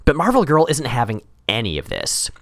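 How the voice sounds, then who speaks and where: A man's voice: medium pitch, wildly swooping pitch, brisk, fairly bright tone, dry recording, clean studio sound. A man co-hosting a show, narrating a scripted comic book recap in a playful, wordy, theatrical way. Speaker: podcast co-host.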